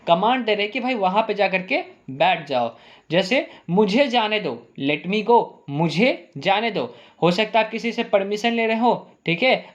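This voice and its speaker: A male English teacher explaining grammar, asking the class rhetorical questions and repeating "ठीक है?" while saying example sentences slowly. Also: sits high, highs cut off.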